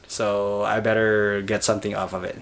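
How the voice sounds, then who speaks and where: A man's voice: on the low side, level tone, normal speed, creaky, fairly bright tone. Teasing Filipino man in casual banter. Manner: teasing, blunt, switches languages.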